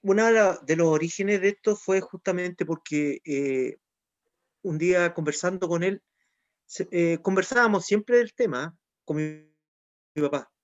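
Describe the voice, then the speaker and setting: A man in casual conversation, reflective and measured as he recalls and paraphrases what was said. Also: high-pitched, no room sound. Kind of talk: casual chat. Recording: dull lo-fi recording.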